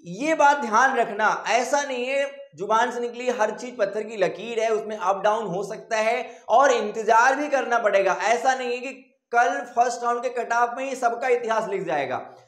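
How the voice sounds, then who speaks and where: A man's voice: very high-pitched, normal speed, a bit bright. A male coaching teacher giving assertive, confident admissions advice straight to his students. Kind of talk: direct-to-camera advice video. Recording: echoey room.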